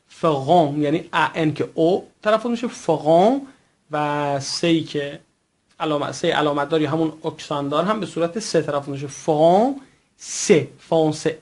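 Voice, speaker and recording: A man teaching French pronunciation, who speaks natively, patient and careful, stretching out words and repeating them slowly. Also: on the high side. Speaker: language teacher. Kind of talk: recorded French pronunciation lesson.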